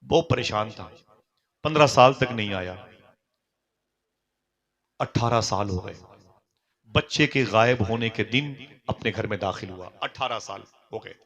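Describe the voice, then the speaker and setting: Guy giving a sermon, super dramatic, loud then hushed, bright edgy voice. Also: lowish voice, a little slow, long pauses. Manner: dramatic, swinging from loud exclamations to hushed tones; calls on the audience to respond aloud. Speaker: preacher. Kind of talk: Islamic sermon storytelling.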